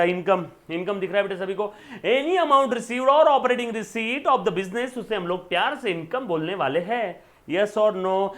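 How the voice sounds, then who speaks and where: A man with an Indian accent teaching accounting in a casual lecture, mixing in English terms, reading definitions slowly and often asking "yes or no?". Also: high-pitched, fairly bright tone. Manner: coaxing, asks "yes or no?" often; mixes Hindi with English terms. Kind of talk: online classroom lecture.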